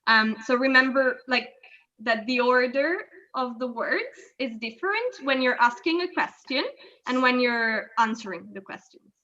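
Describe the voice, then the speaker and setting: A woman teaching English on a video call, patient and explaining slowly with many fillers. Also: on the high side, animated, sharp tone, lo-fi sound. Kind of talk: online language lesson.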